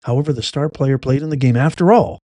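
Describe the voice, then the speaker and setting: A middle-aged man hosting an opinionated commentary, reading news reports aloud and breaking in with blunt, animated asides. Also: mid-range voice, quick pace, no echo, clean studio sound. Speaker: host.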